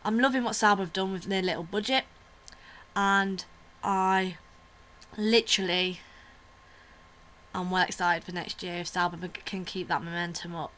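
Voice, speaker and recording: A bright, forward-sounding woman talks to camera as the host of her own review vlog. She is chatty and opinionated, with plenty of fillers and asides. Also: fairly low pitch, fairly even intonation, moderate pace, slight background noise. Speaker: vlogger host. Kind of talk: casual video review chat.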